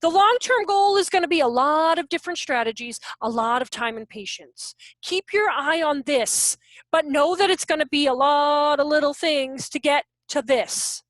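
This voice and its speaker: A woman giving a casual, animated teaching workshop over a video call from home, with quick asides. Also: high voice, dry recording. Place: room at home.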